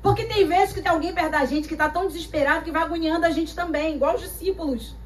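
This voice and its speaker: A Brazilian woman preaches a lively sermon with a high voice, acting out the people in her stories and hammering phrases through repetition. She is picked up from some distance away, with a faint hum of noise behind her. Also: fast talker. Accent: Brazilian Portuguese. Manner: dramatic storytelling, acting out voices and repeating phrases. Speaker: pastor.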